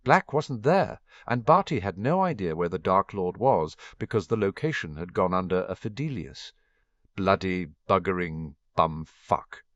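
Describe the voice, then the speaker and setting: A man's voice: fairly low pitch, moderate pace, hardly any pauses, dry recording, muffled recording. A man narrating a fan fiction audiobook, reading expressively. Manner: expressive reading with varied voices.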